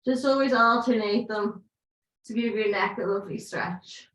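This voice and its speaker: A woman leading a live yoga class with playful, encouraging cues and breath counts, her voice going hoarse. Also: mid-range voice, normal speed, a bit bright. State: losing her voice. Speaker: yoga teacher. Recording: echoey room.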